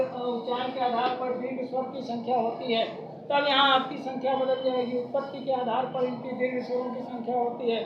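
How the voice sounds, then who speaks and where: A woman teacher giving an exam-prep lesson, repeating key terms, addressing listeners as friends and drawing out vowels slowly. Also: high-pitched. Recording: echoey, distant, dull, noisy.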